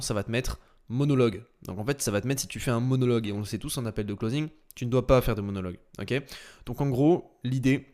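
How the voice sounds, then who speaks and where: Fast-talking man giving a casual tutorial. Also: mid-range voice, a little mellow. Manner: rapid, filler-heavy, with sound words like "boum" and "tac". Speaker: sales coach. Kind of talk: casual screen-share tutorial.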